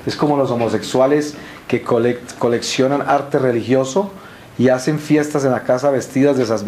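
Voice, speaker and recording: A man's voice: mid-range voice, warm tone, slight background noise. A man preaching a sermon, emphatic and repetitive, asking the listeners questions and answering them himself. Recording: echoey room with faint ambience.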